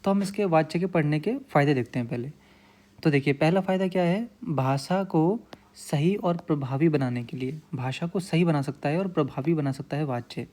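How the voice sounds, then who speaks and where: A man's voice: fairly high pitch, normal speed, darkish tone. A man teaching a grammar lesson, explaining patiently with lots of repetition and frequent check-ins with his students.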